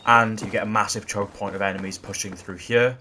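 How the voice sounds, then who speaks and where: A man walking through video game tactics in a gameplay tutorial, explaining in a steady way that often repeats "again". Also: fairly low pitch, a little fast, a little hiss or hum. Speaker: gaming channel host.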